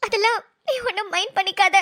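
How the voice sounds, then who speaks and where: Cartoon role: a woman playing an earnest young woman, very high and bright, emotional. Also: steady tone, fast talker. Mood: tearful. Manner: earnest, tearful, pleading. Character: emotional young woman missing her brother. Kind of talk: cartoon voice acting.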